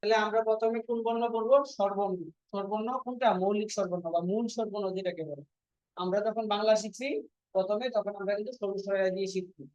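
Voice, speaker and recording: A woman's voice: medium pitch, fairly even intonation, quick pace, a little mellow, no room sound. A woman teaching a classroom lesson, going over each point and asking her students to repeat it back. Her voice sits in an ordinary middle range. The recording is dull and lo-fi, and very dry. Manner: drills students with repeated quiz questions. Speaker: language teacher.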